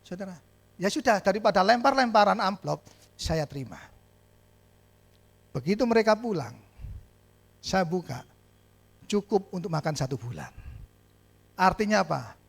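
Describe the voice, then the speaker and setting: Male pastor, high voice, gravelly, bright tone, storytelling sermon, hushed-to-loud swings. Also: very animated, normal speed, pauses often.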